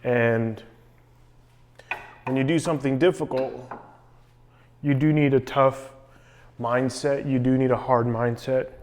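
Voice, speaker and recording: A man's voice: medium pitch, fairly even intonation, slow pace, pauses often, a little mellow, a little hiss or hum. Reflective man talking casually to camera. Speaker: vlogger documenting a cold plunge challenge. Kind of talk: casual personal vlog, reflective talk to camera.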